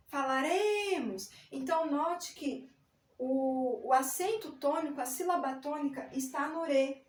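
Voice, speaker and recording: A woman's voice: sits high, distant mic. A woman teaching a recorded grammar lesson, patiently explaining step by step and spelling words out. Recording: echoey room, voice a bit off-mic.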